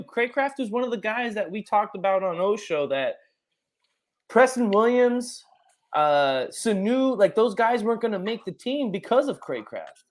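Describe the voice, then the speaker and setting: Excitable high-voiced man talking football. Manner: excitable, rambling, many fillers. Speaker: podcast co-host. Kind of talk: casual sports chat.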